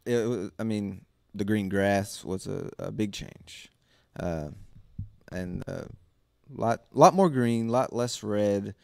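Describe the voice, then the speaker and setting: A man co-hosting casual comedic banter, halting and full of fillers and chuckles, into a handheld microphone. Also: on the low side, gravelly, dry recording, clean studio sound. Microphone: handheld microphone with switch.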